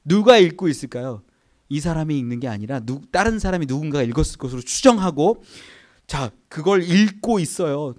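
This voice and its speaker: A male pastor delivers an animated sermon in a church. His voice sits slightly high for a man and rises and falls sharply as he quizzes his listeners. He moves from loud bursts to near-whispers. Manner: animated, asks the congregation rhetorical questions; swings between loud outbursts and hushed near-whispers. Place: church sanctuary.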